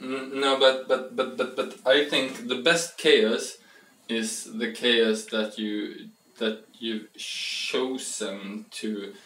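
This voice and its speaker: Working at the sink in a small indoor home kitchen, a young man hosts a casual cooking vlog in a playful, rambling way, stumbling and restarting as he goes. His medium-pitched voice is steady, slow and fairly bright. A camera mic across the room picks him up, so the sound is distant and echoey.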